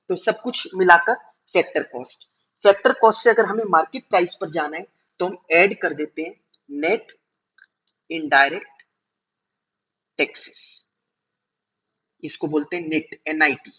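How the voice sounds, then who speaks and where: A male teacher giving a classroom lecture, explaining step by step, slowing down to spell out terms and checking whether students follow. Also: fairly high pitch, fairly bright tone. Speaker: commerce teacher. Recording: dull lo-fi recording.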